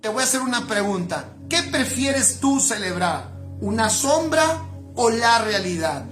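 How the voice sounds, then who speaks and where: A woman's voice: fairly high pitch, lively intonation, unhurried. A woman preaching a sermon, speaking emphatically, repeating key phrases and addressing the listeners directly. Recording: echoey room with faint background music.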